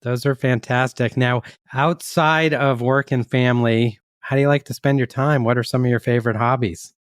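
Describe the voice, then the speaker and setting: A man's voice: medium pitch, steady tone, moderate pace, smooth, no room sound, studio quality. A man hosting a podcast, asking friendly questions with many "uh" fillers and reading a sponsor message. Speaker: podcast host. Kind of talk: interview hosting and ad read.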